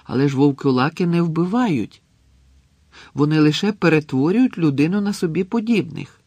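A man voicing a troubled teenage schoolboy hero in an audiobook, earnest and brooding, with a gravelly, husky voice. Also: on the high side, animated, normal speed, darkish tone, no room sound, pitched above the performer's own voice. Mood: angry. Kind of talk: audiobook character reading.

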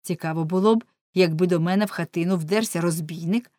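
A woman voicing a fiery young male prankster who loudly and urgently harangues a crowd. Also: lowish voice, quick pace, no echo, clean studio sound, natural voice. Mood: mocking. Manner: loud, urgent, indignant preaching.

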